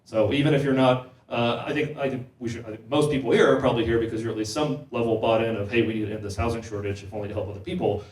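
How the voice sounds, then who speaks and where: A man speaking at a panel discussion, talking quickly and repeating words as he thinks. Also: mid-range voice, darkish tone. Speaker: panel speaker on housing policy. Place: event hall. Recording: echoey room, mic heard from a distance.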